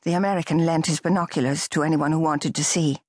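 A woman reads a novel in a measured, even storytelling voice. Her tone is somewhat breathy, recorded close and dry in a studio. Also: sits low, dry recording. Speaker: audiobook narrator. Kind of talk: scripted narration.

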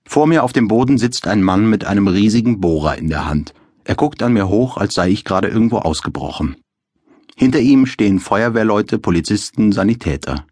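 A man's voice: fairly low pitch, animated, fairly quick, a little mellow, no echo. A man reading his own novel as an audiobook in a dry, wry first-person style. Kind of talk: audiobook narration.

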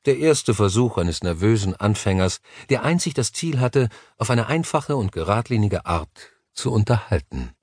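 Low-voiced male audiobook narrator, dry. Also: lively intonation, moderate pace, few pauses, darkish tone, slightly rough, no echo. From Germany.

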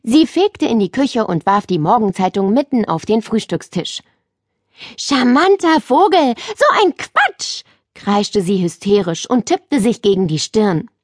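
A woman narrating a children's audiobook in a lively, expressive storytelling manner on a close studio mic. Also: medium pitch, moderate pace, hardly any pauses, dry recording.

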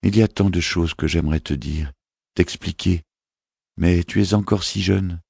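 A tender queen mother, as a male narrator puts her on, gentle and reassuring but quick to turn fierce. Her voice is pitched higher than the narrator's deep tone and carries a little gravel. The sound is dry and close. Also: fairly even intonation, no echo, exaggerated voice. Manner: gentle, reassuring, flaring sharply.

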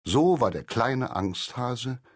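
Male audiobook narrator for kids' stories, unhurried, husky tone, lively pitch. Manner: animated storytelling with character voices. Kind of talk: children's storybook narration.

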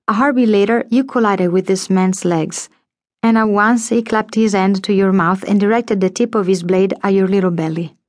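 A woman reading an audiobook in the first person, measured and intimate, as if telling her own child the story. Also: mid-range voice, no room sound, studio quality. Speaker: audiobook narrator.

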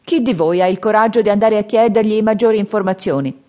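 A woman's voice: medium pitch, fast, mellow, pitched above the performer's own voice, natural voice. A woman doing a timid, fussy monk. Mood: fearful. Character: timid male monk master.

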